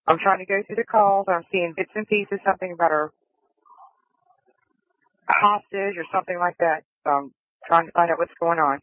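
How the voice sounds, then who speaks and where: A man's voice: high-pitched, steady tone, normal speed, long pauses, no room sound. A male police dispatcher on a police radio channel, relaying calls in clipped phrases and repeating key details. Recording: tinny dry radio transmission.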